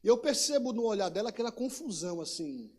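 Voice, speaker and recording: A man's voice: sits high, very animated, fast talker, background noise. A man with a Brazilian Portuguese accent preaching a sermon, telling personal stories and repeating rhetorical questions with emphasis. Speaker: pastor.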